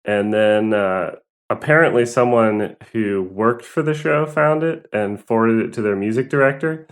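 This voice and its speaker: A young man from Southern California, a guest musician in a casual interview, rambles through his story hesitantly, with lots of fillers and laughter. His voice is on the low side and moderately paced.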